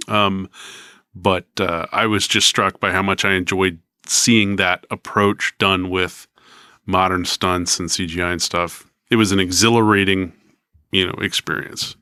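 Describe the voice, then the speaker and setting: A man in his fifties with a very low, bright, crisp voice talks in a loose, rambling way, pausing with lots of ums. The sound is dry and close, like a studio mic. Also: level tone, no echo. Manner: rambling, hesitant with many ums. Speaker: podcast co-host. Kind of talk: casual podcast chat.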